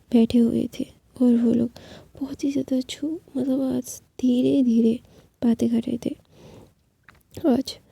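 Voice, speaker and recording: A woman narrating a fanfiction in a soft, husky whispered storytelling voice. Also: fairly high pitch, no echo. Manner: slow, intimate, soft.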